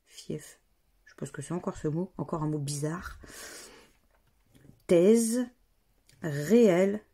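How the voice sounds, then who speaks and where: A woman's voice: lowish voice, animated, takes it slowly, warm tone, husky. A woman, casually commenting as she scratches lottery tickets and spells out letters and words one by one. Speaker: scratch-card vlogger.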